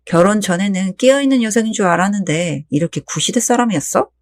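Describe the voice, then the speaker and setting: A woman's voice: medium pitch, fast talker, no echo, lightly acted. A woman voicing a dismissive young husband who brushes off her talk of children, in a dry recording. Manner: brushing off, irritated.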